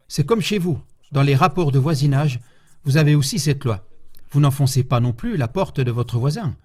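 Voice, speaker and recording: A man giving a public lecture as a historian, speaking in a measured way and putting rhetorical questions to his audience. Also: fairly high pitch, a little mellow, husky.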